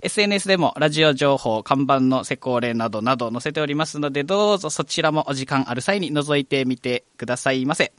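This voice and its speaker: A man's voice: mid-range voice, fast talker, hardly any pauses, a bit bright, dry recording. A man hosting a live radio program, speaking with a Kagoshima accent in a chatty, friendly way. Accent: Kagoshima dialect. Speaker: radio host.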